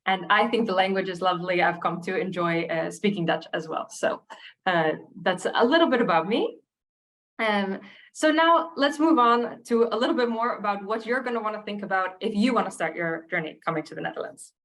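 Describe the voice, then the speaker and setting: An American woman with a mid-range, slightly bright voice co-hosts a webinar as a recruiter, talking a little fast. She is chatty and friendly, with many filler sounds.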